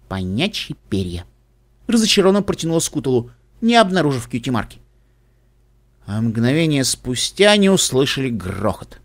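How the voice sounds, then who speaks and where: A man reading an audiobook aloud in an expressive storytelling manner. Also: high voice. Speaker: audiobook reader. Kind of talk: audiobook narration.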